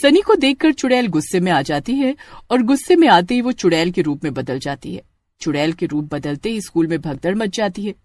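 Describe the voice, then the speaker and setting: Steady dramatic story narrator. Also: mid-range voice, fairly quick. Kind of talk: scripted cartoon story narration.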